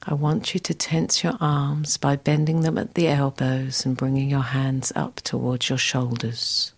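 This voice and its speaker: A woman guiding a scripted relaxation exercise in a soft, soothing, breathy, near-whispered voice. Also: a bass voice, flat delivery, unhurried. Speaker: relaxation guide.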